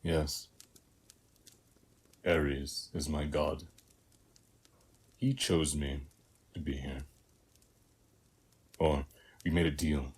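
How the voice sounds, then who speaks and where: In a scripted audio roleplay, an actor voices a calm, hospitable warrior guarding a seized temple, speaking softly to the listener. His male voice is extremely low, husky and exaggerated, and his solemn, frank delivery is unhurried and measured, with long pauses between short phrases.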